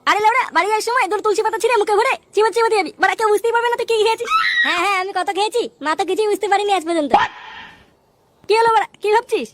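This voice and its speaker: A woman's voice: extremely high pitch, rapid-fire, shouting, very noisy. A woman voicing a foul-mouthed idle village boy, who swears constantly and coaxes his friend in a cocky way. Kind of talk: cartoon comedy voice acting.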